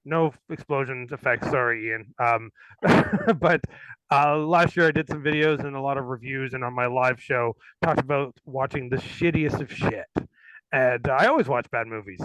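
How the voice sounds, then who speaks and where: A man's voice: medium pitch, normal speed, a bit bright, smooth, dry recording, rough recording. A man co-hosting a casual livestream, chatting about movies in a rambling, laughing way, a little tipsy and swearing casually. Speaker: livestream co-host.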